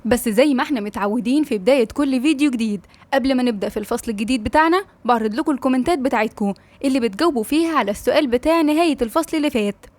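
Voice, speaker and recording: A woman's voice: high-pitched, rapid-fire, a little mellow, dry recording. A woman with an Egyptian accent hosting a channel and reading a novel aloud with affectionate, chatty asides. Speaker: audiobook narrator and channel host.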